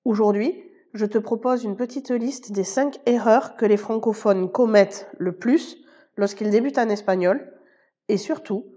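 A woman teaches in a scripted podcast lesson, speaking with a warm, mellow voice. She explains each point patiently and addresses the listener informally. The recording sounds slightly dull and muffled. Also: mid-range voice. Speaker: Spanish teacher.

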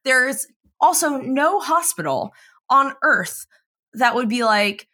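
A woman's voice: high-pitched, slow pace. A woman co-hosting a podcast, chatting casually and swearing freely as she recaps an episode. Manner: animated, profane, laughs often. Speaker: podcast co-host.

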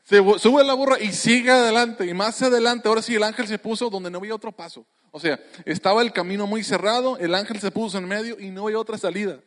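A man preaching a sermon, animated and joking, who often restarts his phrases. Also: sits high, quick pace, hardly any pauses. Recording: long hall reverb.

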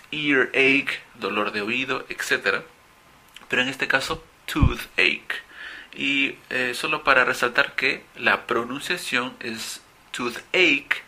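A man teaching an English vocabulary lesson, stressing key words with sudden rises in pitch. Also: pushed and bright, breathy edge.

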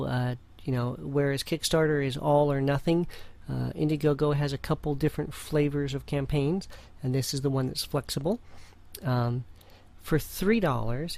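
A man hosts a podcast in an easygoing, casual way. His voice has a gravelly, fry-touched edge. He pauses often with small fillers as he talks. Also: medium pitch. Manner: relaxed, with frequent fillers. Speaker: podcast host. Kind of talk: casual show narration.

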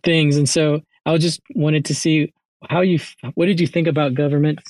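A man's voice: a little high, flat delivery, normal speed, darkish tone, slight background noise. A man hosting a casual interview chat, talking in a hesitant way as he searches for his words. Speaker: host.

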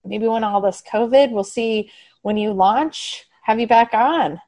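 A woman's voice: on the high side, unhurried, a little mellow. Upbeat woman hosting a podcast. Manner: upbeat, chatty, laughs often. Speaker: podcast host. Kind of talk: interview wrap-up chat.

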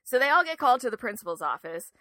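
A woman's voice: fairly high pitch, big pitch swings, racing, pushed and bright, dry recording. A woman co-hosting a horror film podcast, recapping the plot in a chatty, giggly way. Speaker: podcast co-host. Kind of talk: casual movie review chat.

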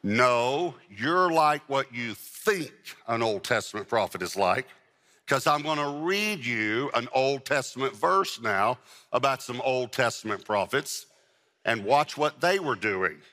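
A male pastor delivers a sermon in a forceful, bright voice, stretching and repeating the words he wants to land. His voice rings out with a long hall reverb, and now and then he turns to the congregation to check that they follow. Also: mid-range voice, lively intonation, measured pace. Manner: addresses a live congregation. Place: church with a congregation.

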